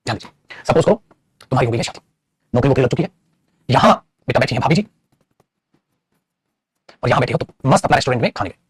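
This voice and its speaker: A young man lectures an English grammar class, his husky voice leaping up and down in a lively way. He rattles on at a racing pace and calls his students beta and bhai. The sound is dry and close. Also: medium pitch, fast, long pauses, no room sound. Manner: animated, addresses students as beta and bhai, playful acted asides.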